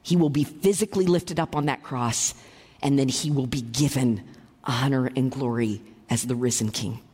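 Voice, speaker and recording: A woman preaching a sermon, explaining scripture with emphatic, teaching delivery and a husky voice. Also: a bass voice, normal speed, a little mellow, in a large hall.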